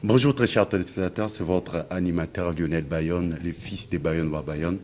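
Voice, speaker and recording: A man's voice: low-pitched, steady tone, moderate pace, darkish tone, slight background noise. A man with a Congolese French accent, a comedian telling a comic story, theatrical and repeating his catchphrase to the audience. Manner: theatrical, keeps repeating "mesdames et messieurs". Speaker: comedian, cultural host.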